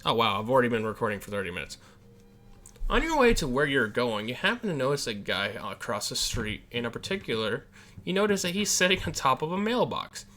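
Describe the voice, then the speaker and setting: A man's voice: mid-range voice, sing-song, a little fast, bright, forceful tone. Playful man narrating a game. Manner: playful, easily amused. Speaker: let's-play gamer. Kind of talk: casual gameplay commentary, reading game text aloud.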